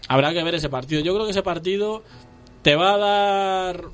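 Opinionated football fan. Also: male voice, high-pitched, moderate pace, soft background music. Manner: opinionated, animated, fan of the team. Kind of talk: casual football chat.

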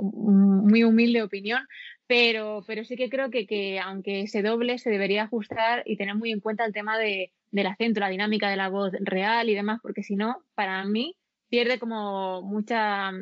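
A woman's voice: medium pitch, a bit bright, no echo. Hesitant woman, dry muffled recording. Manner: thoughtful, hesitant with many fillers. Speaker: interviewee, voice-acting student. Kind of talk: conversational interview.

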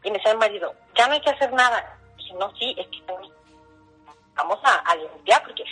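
Animated Mexican woman telling a ghost story. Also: mid-range voice, a little fast, breathy edge, faint music behind, low-quality recording. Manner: animated, acts out dialogue in her telling. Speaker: guest storyteller. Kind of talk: casual storytelling.

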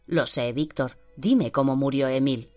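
Una mujer lee a un hombre que interroga con calma y hace preguntas suaves e insistentes. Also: female voice, very deep voice, a little slow. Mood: calm. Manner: calm, gently probing questions. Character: calm, patient male interrogator. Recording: dull lo-fi with faint music.

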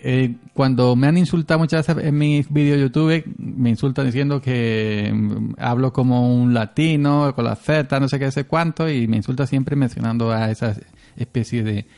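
A medium-pitched, slightly mellow male voice belongs to a podcast co-host from Andalusia. He talks casually with an Andalusian Spanish accent, drifting between topics and chuckling a lot.

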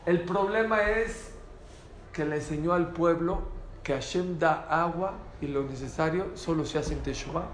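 Animated man teaching. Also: fairly high pitch, unhurried. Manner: animated, rhetorical questions, repeats for emphasis. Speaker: Torah teacher. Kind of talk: lively spoken Torah class. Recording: roomy echo, faint background noise.

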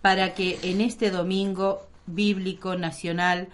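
A woman's voice: lowish voice, level tone, slow, a crowd in the background. A woman reading prayer intentions and responses as a lay reader at Mass.

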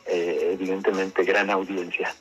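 A man's voice: low-pitched, level tone, unhurried, faint music behind. A man explaining as a guest on a radio interview, hesitating often with fillers and restarts. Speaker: guest brain trainer. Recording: dull lo-fi phone line.

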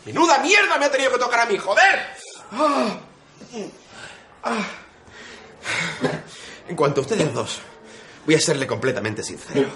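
An actor playing a sleep-deprived police sergeant who talks crudely and with exasperation. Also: male voice, sits high, sing-song, normal speed, pauses often, sharp tone, heavily acted. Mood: exasperated.

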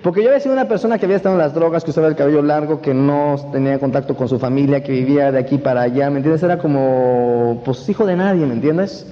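A man with a Mexican accent giving an animated personal testimony to a seminar audience, often checking that they follow him. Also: a little high, quick pace, few pauses. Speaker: motivational speaker at a network marketing event. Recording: dull echoey hall recording with faint hiss.

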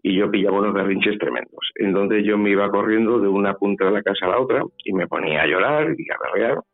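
A man from Spain, fairly low-pitched and a fast talker, recounts a personal story in a phone interview with a Spanish accent. He hesitates and repeats words, and the call sounds tinny with faint music.

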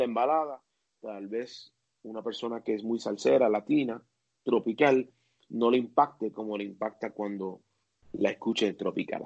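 A man, a worship leader and singer, talking casually as an interview guest and pausing often with fillers and restarts. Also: medium pitch, creaky, darkish tone, lo-fi sound. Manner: halting, many fillers and restarts.

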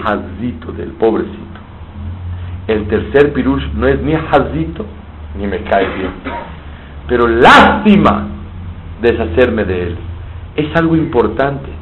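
A man delivers a teaching sermon, explaining Hebrew words one by one. He poses questions to his listeners and answers them himself. The recording is slightly dull, with a faint hiss underneath. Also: medium pitch. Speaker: rabbi teaching Torah.

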